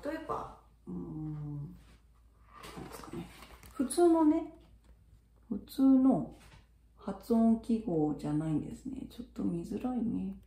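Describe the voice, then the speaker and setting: Chatty woman teacher, lively pitch. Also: takes it slowly, gravelly, long pauses, echoey room, recorded from a distance. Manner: chatty, explains with fillers and demonstrates sounds. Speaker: English teacher for young children. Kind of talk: casual video lesson.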